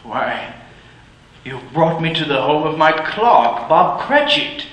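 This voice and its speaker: A man's voice: on the high side, very animated, slow pace, a bit bright, dull audio, slight background noise, heavily acted. Scrooge, a man playing an anguished old miser. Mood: astonished. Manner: anguished, pleading outbursts. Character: old miser Ebenezer Scrooge, shaken, pleading. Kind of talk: radio drama acting. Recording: roomy echoey recording.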